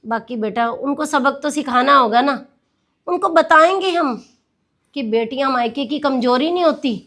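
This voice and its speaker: Woman as a middle-aged mother, stern and caring, high voice, firm lecturing tone, family skit. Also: moderate pace, a bit bright. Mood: reassuring. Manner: scolding then firm and reassuring.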